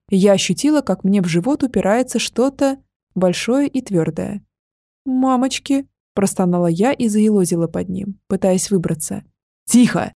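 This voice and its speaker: A woman reads a first-person fantasy story aloud in a wry, lively way. Her voice is mellow and darkish, recorded close and dry with no room around it. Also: medium pitch, vocal fry, no echo. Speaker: audiobook narrator.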